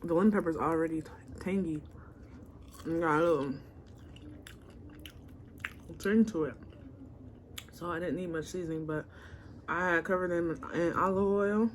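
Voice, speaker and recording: A woman's voice: lowish voice, moderate pace, pauses often, a little hiss or hum. A woman hosting a mukbang eating show, chatting casually and murmuring with enjoyment between bites. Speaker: mukbang host.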